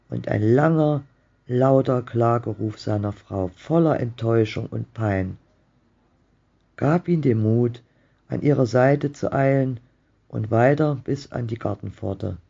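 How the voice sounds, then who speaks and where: Langsamer, knarziger Vorleser. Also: male voice, mid-range voice, animated, takes it slowly, creaky, dark tone, slightly rough. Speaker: reader of a ghost story. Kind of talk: slow storytelling reading. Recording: dull muffled home recording.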